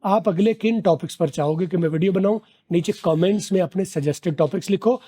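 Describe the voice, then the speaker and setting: A man teaches spoken English. He says each English phrase slowly and repeats it, then explains it at a quicker pace. His voice sits high but sounds mellow. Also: slightly rough.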